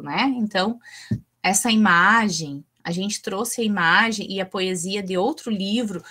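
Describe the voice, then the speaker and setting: A woman's voice: mid-range voice, a bit bright. A woman leads a teacher-training lesson on early childhood education. She talks in a chatty, informal way. She often checks in with her listeners. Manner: chatty, asks the group for go-ahead.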